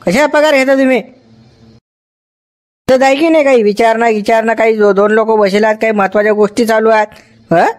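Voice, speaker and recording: A man's voice: high-pitched, steady tone, fast talker, lightly acted. A man playing a bossy village doctor. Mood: scolding. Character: self-important young hospital doctor. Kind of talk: village comedy sketch acting.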